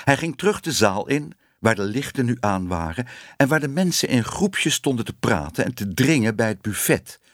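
A man reading a children's story aloud with an expressive storytelling voice. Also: mid-range voice, moderate pace, no echo, clean studio sound. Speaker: narrator.

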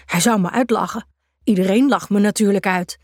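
A woman voicing a shy, lovesick little male pug in a storybook, soft and bashful. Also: medium pitch, fairly quick, no echo, clean studio sound, close to an everyday voice.

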